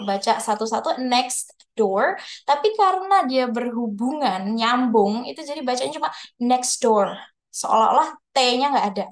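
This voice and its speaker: A young woman tutoring an online English pronunciation class, explaining casually and slowing down to model English examples. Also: fairly high pitch. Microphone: headset or computer mic on a video call.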